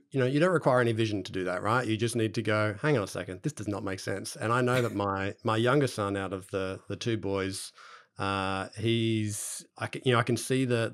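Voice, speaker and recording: A middle-aged Australian man hosting a podcast interview, chatty, with fillers and restarts. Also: lowish voice. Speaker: podcast host. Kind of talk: conversational interview.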